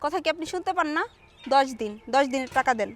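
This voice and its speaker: A woman's voice: high voice, lively intonation, quick pace. A woman playing a defiant poor laborer. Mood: firm. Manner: indignant, firm, demanding. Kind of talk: short-film drama acting.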